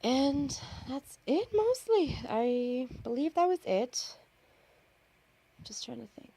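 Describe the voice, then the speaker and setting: A woman's voice: sits high, very animated, slow, mellow, slightly rough, dry recording. A woman narrating her own face-paint tutorial in a chatty, informal way, often correcting herself and using fillers. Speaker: makeup artist. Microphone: camera and phone.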